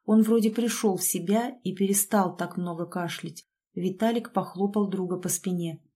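A woman reads a first-person audiobook with a dark, mellow tone. Her telling is brisk and wry, and she slips into the characters' lines as she goes. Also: medium pitch, fairly even intonation, breathy edge. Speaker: audiobook narrator.

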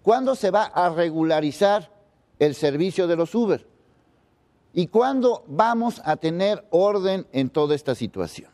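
A man's voice: sits high, animated, measured pace, a little mellow. Indignant man asking rhetorical questions. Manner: rhetorical, repeating angry questions. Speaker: independent news commentator. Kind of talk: indignant news commentary.

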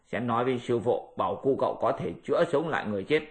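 A lazy pig-monk who grumbles, whines and schemes in a mid-pitched, everyday voice, as a male storyteller puts him on. He complains about every chore and plots small revenges. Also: expressive, fast talker, lightly acted. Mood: scheming.

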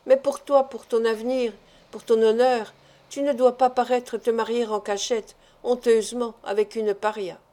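A woman's voice: fairly high pitch, steady tone, normal speed, dark tone, close to an everyday voice. A woman reading an audiobook, voicing a timid, loving young fiancée who pleads with hesitation and embarrassment. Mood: pleading.

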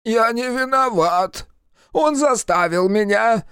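A man's voice: very high voice, lively intonation, slow, a bit bright, clean tone, no room sound, clean studio sound, pitched above the performer's own voice, heavily acted. A man voicing a cowardly, self-pitying male commander who whines and complains. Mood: whining. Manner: whining.

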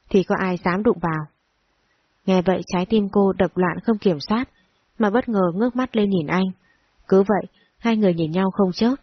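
A woman narrating a romance audiobook in a soft, steady storytelling manner. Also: fairly low pitch, breathy edge, dry recording. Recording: dull lo-fi recording, dry.

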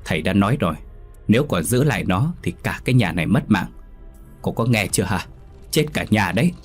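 A man voicing a stern, quick-tempered old patriarch who barks curt orders. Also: on the low side, expressive, breathy edge, faint music behind. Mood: harsh. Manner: curt, commanding, shouting orders.

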